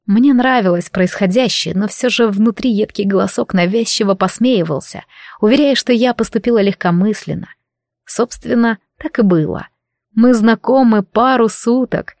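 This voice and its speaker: Female audiobook narrator, first-person, steady intimate read, very dry close sound. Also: mid-range voice, dry recording.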